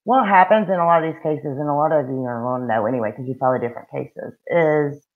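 A middle-aged Southern US woman with a deep voice talks at a quick pace while co-hosting a true-crime livestream from home. She's chatty and blunt, leaning on folksy slang. The audio comes through a webcam on a video call and sounds dull and lo-fi.

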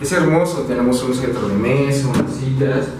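Here a young man with a Mexican Spanish accent gives his viewers, his "banda," an energetic, slang-filled tour of his small apartment for a casual vlog. He speaks at medium pitch and a moderate pace, recorded on a handheld camera mic far off-mic in an echoey room with a noisy background.

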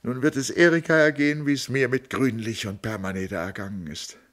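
A man's voice: fairly even intonation, fairly quick, fairly bright tone, close to an everyday voice. A man reading a novel aloud, voicing a desperate middle-aged woman who pleads and sobs. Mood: tearful lament. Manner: pleading, sobbing, rising to high breaks.

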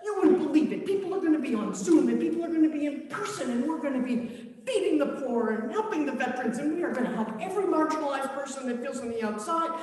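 A woman preacher acts out a crowd of frantic, overeager male disciples, piling plan on plan in a breathless rush. The voice is pitched high and bounces around a long church reverb. It is picked up from far off. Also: fast. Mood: excited. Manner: breathless, excited rush of plans. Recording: echoey church, mic far off.

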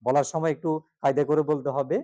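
Monk teacher, male, mellow tone, slightly high, drills chant pronunciation syllable by syllable. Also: level tone. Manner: patient, repeats words slowly for students to copy. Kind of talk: classroom pronunciation lesson.

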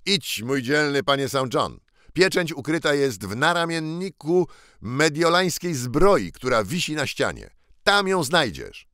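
A man's voice: fairly high pitch, big pitch swings, measured pace, sharp tone, no echo, clean studio sound, voice pushed up, full character voice. A man voicing a ragged boy who is the rightful king, speaking in a proud, commanding, declamatory way.

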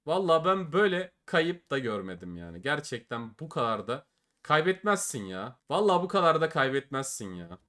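A young man giving excited, slangy commentary as a case-opening streamer, swinging between loud hype and grumbling. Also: mid-range voice.

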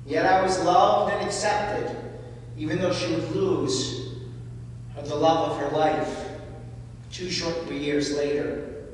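High-voiced man preaching in an echoing church. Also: steady tone, slow pace, long pauses, a little hiss or hum. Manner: personal storytelling, emotional at times. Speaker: homilist. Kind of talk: sermon. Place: large church. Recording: echoey church hall from far off.

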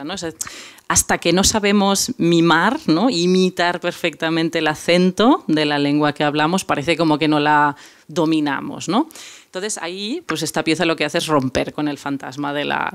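A man as art lecturer, slightly higher voice, thinking aloud with restarts. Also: a bit bright. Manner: hesitant, many restarts and tag questions.

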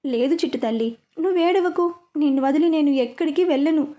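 A woman voicing a grieving middle-aged father who gently consoles his daughter in a story reading. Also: high-pitched, brisk, dull audio, close to an everyday voice. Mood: consoling.

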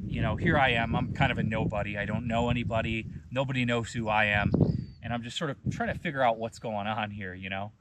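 A man in his thirties, a hiking vlogger, telling a personal story in a relaxed, conversational way and often saying "you know". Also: fairly low pitch, very noisy. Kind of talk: casual storytelling to camera.

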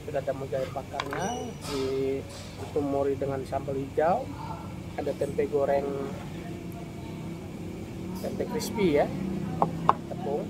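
A middle-aged Indonesian food vlogger films a casual review at a table in an open-air cafe one evening, chatting warmly with viewers and calling them "brother." He speaks slowly at medium pitch with long pauses. The phone recording picks up plenty of cafe noise.

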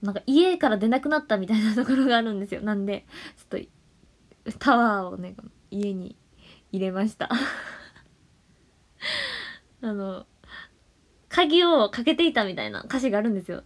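A young woman, chatting playfully on a solo livestream and sometimes dropping to soft murmurs and whispers. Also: medium pitch, expressive, moderate pace, long pauses. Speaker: idol livestreamer. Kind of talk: casual solo livestream chat.

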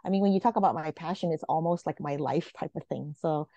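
Her voice is low, fast and dark, in a dry recording. She is a woman in her forties from Malaysia, joining a casual interview as a guest over video call from her home, speaking earnestly with lots of fillers and restarts; the webcam audio is dull and lo-fi.

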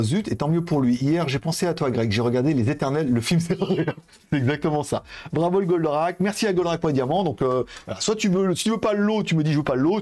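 Young man, casual live-stream host, fairly high voice, very lively intonation, rambling with fillers. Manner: chatty, rambling, informal with many fillers; addresses viewers directly. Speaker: streamer hosting a giveaway.

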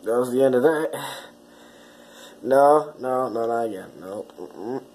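A man's voice: mid-range voice, measured pace, darkish tone, husky. A teenage boy giving casual, exasperated commentary on his own old videos, often repeating himself. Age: teens. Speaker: YouTuber.

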